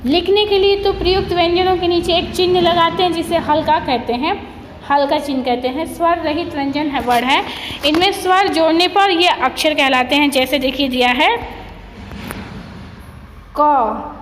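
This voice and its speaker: A woman's voice: extremely high pitch, moderate pace, a little hiss or hum. A woman teaching a Hindi grammar lesson, asking questions and answering them herself, drawing out each letter sound. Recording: echoey room, long reverb.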